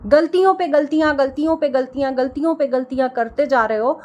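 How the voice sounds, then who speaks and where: Indignant woman vlogger with a high voice, scolds hard and hammers her points by repeating them. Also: a little fast, warm tone, dull audio. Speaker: reaction video creator. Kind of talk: heated reaction rant.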